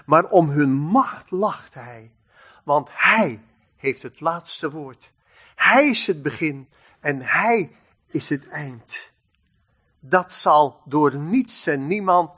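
A man preaching a sermon in a slow, measured way, with dramatic pauses and a lifted voice for scripture quotes. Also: high voice.

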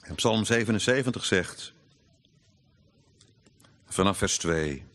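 A man preaching a sermon, earnest and emphatic, slowing down to read scripture aloud. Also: on the low side, lively intonation, fairly bright tone.

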